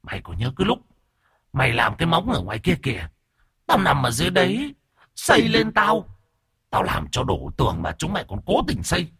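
A man voicing the bitter ghost of a miscarried child, speaking in a high, thin, drawn-out whine and cursing the family. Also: huge pitch swings, fairly bright tone, breathy edge, dry recording, clean studio sound, exaggerated voice. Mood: furious cursing. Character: wailing ghost of an unborn child, bitter, vengeful.

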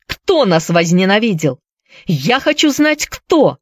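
A woman's voice: medium pitch, sing-song, normal speed, no room sound, clean studio sound, voice pushed up, natural voice. A woman voicing a fierce, sarcastic young woman. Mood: demanding. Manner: sarcastic, demanding.

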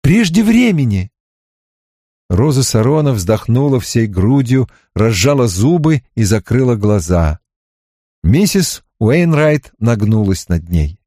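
A man narrating a novel as an audiobook in an expressive, measured reading. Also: fairly low pitch, dry recording, studio quality.

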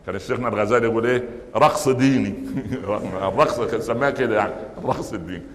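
An older man preaching with an Egyptian Arabic accent, animated and joking, often asking the audience questions and answering them himself. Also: on the low side, very fast. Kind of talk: lively sermon in Egyptian Arabic. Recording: long hall reverb.

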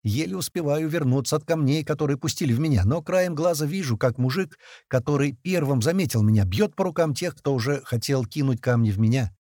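A man narrating an action story in first person, voicing the shouted lines of the characters himself. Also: fairly high pitch, a little fast, no echo, clean studio sound. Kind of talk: audiobook narration with acted dialogue.

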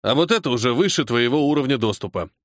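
A weary, irritable colonel who grumbles and needles his defiant subordinate, performed by a male audiobook reader. His voice is gruff and sarcastic. The sound is dry and close, with no room. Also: medium pitch, lively intonation, fast, no echo, lightly acted. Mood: irritated. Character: weary irritable older male colonel, security service chief.

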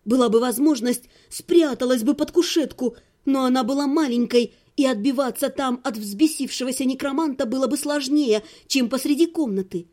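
Высокий женский голос чтеца. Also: female voice, high-pitched, moderate pace, hardly any pauses, dark tone. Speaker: audiobook narrator. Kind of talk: first-person audiobook narration.

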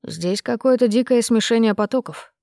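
A woman's voice: fairly high pitch, moderate pace, creaky, a little mellow, dry recording, clean studio sound. A woman voicing a charming, sly, flirtatious male lord in an audiobook, with a purring, playful manner. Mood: puzzled. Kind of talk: audiobook character reading.

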